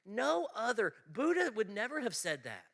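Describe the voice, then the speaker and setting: A man preaching an animated lecture to students, emphatic, swinging from loud exclaiming to quiet asides. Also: high voice, moderate pace, gravelly.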